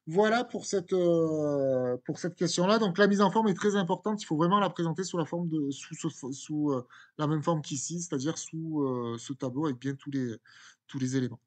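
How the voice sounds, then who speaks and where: A man's voice: on the high side, normal speed, darkish tone. A man teaching, walking students through an exam correction in a conversational way, with fillers and restarts. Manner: conversational, repeats words, many fillers and restarts.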